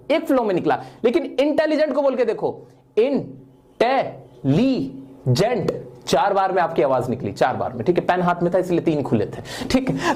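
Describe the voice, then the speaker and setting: A man's voice: sits high, a little mellow. A man teaching English grammar in an online lesson. He asks questions and answers them himself, repeats key points and slips English words into his explanations.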